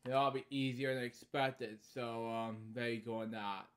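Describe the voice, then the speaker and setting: A man in his thirties hosts a bedtime story series, reading a children's book aloud in a small room at home. His medium-pitched, steady voice moves haltingly through short read lines, with casual, repetitive stock phrases dropped in between.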